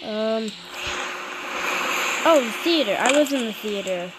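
Casting: woman gamer, slightly high voice, hushed and slow, on a noisy track with clicks. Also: animated. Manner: hushed, half-whispered talk. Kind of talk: gameplay commentary.

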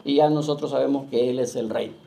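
A male pastor preaching to his church, often checking in with the congregation and slowing down to read scripture aloud. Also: medium pitch, fairly even intonation, creaky. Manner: keeps asking the flock "¿verdad?"; reads scripture slowly and loudly. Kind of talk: Pentecostal-style sermon. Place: church in Las Vegas.

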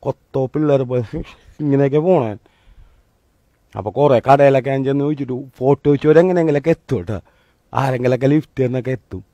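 A man giving a motivational talk, telling a personal story in a colloquial, animated way that swings between loud and hushed. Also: mid-range voice, fast talker, no room sound. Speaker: motivational speaker.

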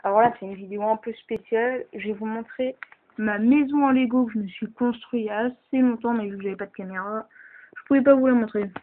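A woman with a fairly high-pitched voice talks quickly while showing off a toy model she built, filmed indoors at home on a handheld camera held close. Her casual show-and-tell is chatty and hesitant, full of fillers. The audio is tinny, lo-fi and hissy.

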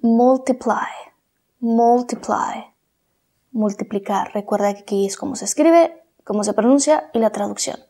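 A young woman teaching English to Spanish speakers, drilling words slowly and clearly and repeating each one, now and then in a whisper. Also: mid-range voice, lively intonation, warm tone. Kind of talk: language lesson for Spanish speakers.

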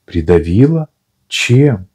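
A slow, good-natured little bear muses aloud in a low voice, as a male audiobook reader gives him life. He thinks out loud in a dark, mellow tone with a husky edge. The manner is unhurried and simple. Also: big pitch swings, heavily acted. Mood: musing. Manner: slow, musing, talks to himself. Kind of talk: audiobook character voice.

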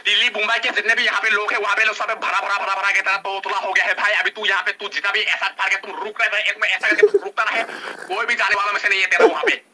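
A man's voice: high-pitched, fast, background noise. A man ranting insults in a heated online live argument, repeating the same lines again and again. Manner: repetitive insulting rant. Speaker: live-stream participant.

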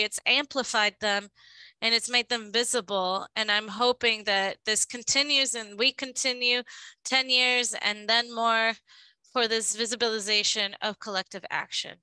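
Woman, live interpreter, halting, frequent restarts, crisp clear voice, dry sound. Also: on the high side, steady tone, pushed and bright, no echo, rough recording.

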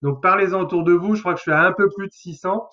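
A man's voice: high voice, fast talker, bright, forceful tone, dull audio. A man, a therapist hosting a live webinar, talking casually with many hesitations. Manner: chatty, hesitant with many fillers.

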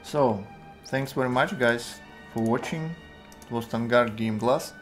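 A man in his twenties with a Russian accent, thinking aloud in halting fragments as he gives casual live game commentary. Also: mid-range voice. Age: 20s. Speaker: game streamer. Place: indoor room at a computer. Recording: music behind the voice. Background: music, keyboard typing.

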